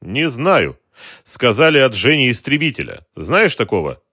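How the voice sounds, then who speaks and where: A man voicing a stubborn, hot-tempered shopkeeper who shouts back at gangsters. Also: medium pitch, sing-song, moderate pace, husky, no echo, studio quality, voice pushed up, full character voice. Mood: tense, defiant. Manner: defiant, shouting.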